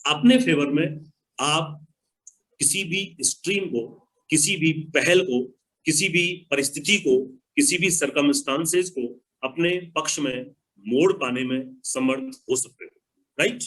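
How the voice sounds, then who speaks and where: A man's voice: a little high, unhurried, a bit bright, poor audio. A man giving motivational advice to an online audience, emphatic and repeating key phrases. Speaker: motivational speaker answering questions.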